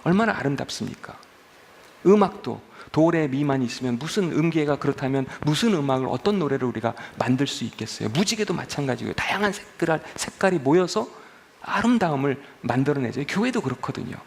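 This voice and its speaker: Gravelly-voiced man preaching conversationally. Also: on the high side, a little hiss or hum. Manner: conversational, asks the congregation questions. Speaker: pastor. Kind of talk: sermon with humor.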